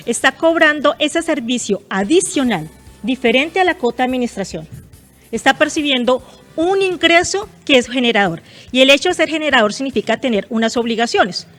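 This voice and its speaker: A woman's voice: high-pitched, a bit bright. Woman explaining tax rules. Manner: precise, explanatory, uses examples. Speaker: guest expert on property tax. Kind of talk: explanatory radio talk.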